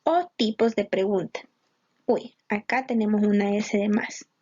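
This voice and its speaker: A woman's voice: mid-range voice, steady tone, measured pace, a little mellow, husky, muffled recording. A woman teaching English grammar in a patient, explanatory online lesson, mixing English terms into her Spanish.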